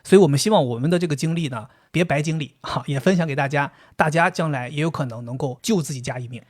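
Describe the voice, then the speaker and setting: A man co-hosting a casual podcast, telling a story in an animated way and laughing often. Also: fairly high pitch, fast. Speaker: podcast co-host.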